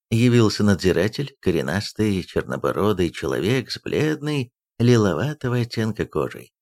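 A man narrating an audiobook in an expressive, varied way. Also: lowish voice. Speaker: audiobook reader.

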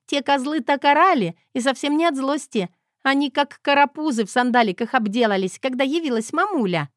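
A woman doing a shrill, cheeky teenage girl. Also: fairly quick, dry recording, studio quality, lightly acted. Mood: mocking. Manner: shrill, gleeful, slangy. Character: cheeky teenage stepdaughter, loud, excitable.

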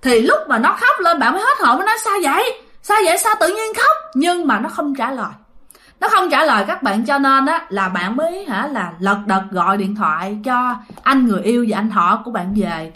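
Her voice sits a little high, expressive and sharp-toned, at a moderate pace. A woman with a Southern Vietnamese accent, she talks her way through a ghost story in a chatty, casual style aimed right at her listeners.

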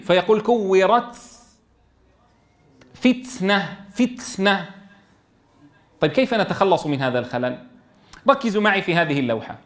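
A man teaching Quran recitation to a class, quizzing students and sounding out letters slowly. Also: high voice. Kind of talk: classroom tajweed lesson.

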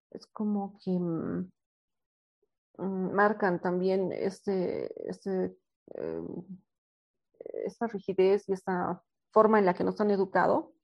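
A woman therapist in an interview, telling a personal story with many hesitations and animated retellings of conversations. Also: mid-range voice, highs cut off. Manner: animated, acts out quoted dialogue, frequent hesitations.

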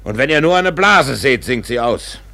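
Captain Ahab, gravelly obsessed whaling captain. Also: male voice, mid-range voice, expressive, moderate pace, sharp tone. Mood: excited, rallying. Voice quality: gravelly, husky. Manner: commanding, declamatory, brooding. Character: obsessed, vengeful whaling captain with one leg. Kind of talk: German radio drama acting.

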